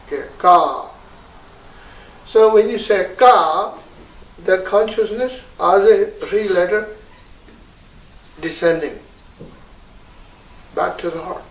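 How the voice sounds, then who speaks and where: A man teaching and guiding a meditation, speaking slowly and haltingly as he searches for words, and sharply calling out meditation syllables. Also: high voice, darkish tone. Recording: roomy, distant mic, faint ambience.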